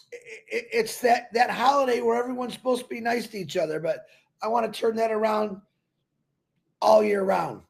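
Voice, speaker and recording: Loud, gravelly high-voiced man. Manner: loud and emphatic, calls himself a big mouth; repetitive, folksy storytelling. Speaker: company promoter speaking to members. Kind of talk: loud motivational live talk.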